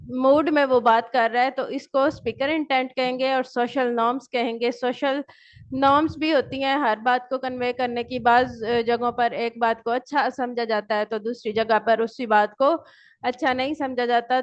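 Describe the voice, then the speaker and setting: A woman lecturer giving an online class, who asks her students questions and answers them herself. She reads English definitions out slowly and explains them in Urdu. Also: a little high, fairly even intonation. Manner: switches between English and Urdu. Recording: dull lo-fi recording.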